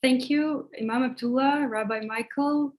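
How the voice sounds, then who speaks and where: A woman from Georgia moderating a live online panel, speaking in a measured, formal way with frequent pauses. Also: high-pitched, steady tone. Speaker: moderator and co-founder of the network.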